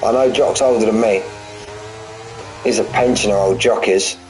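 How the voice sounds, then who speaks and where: Over faint music, a man in his forties speaks at normal speed in a fairly low, steady voice. As a sim racing streamer and commentator, he calls the race live and jokes and banters with his chat between the action, often repeating phrases.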